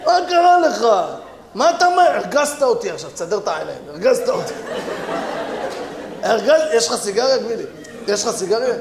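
Really high-voiced guy in a comedy sketch yelling insults, echoey room. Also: sing-song, vocal fry, pauses often, noisy background. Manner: hot-tempered, insulting, shouting.

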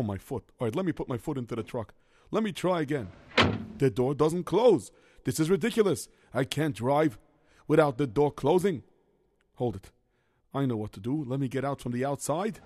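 A man's voice: a little high, a little hiss or hum. A man playing a bumbling handyman who talks himself through every mishap, with Yiddish exclamations scattered through his muttering. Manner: rambling self-talk, sprinkled with Yiddish exclamations. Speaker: lunch driver. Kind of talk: children's comedy sketch.

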